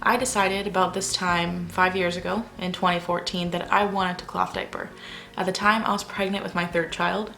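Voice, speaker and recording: A woman's voice: on the low side, level tone, moderate pace, creaky, sharp tone. A young adult woman vlogging at home late at night, talking in a chatty, rambling way and keeping her voice down while her family sleeps. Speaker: parenting vlogger. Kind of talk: casual talk to camera. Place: house at night, family asleep.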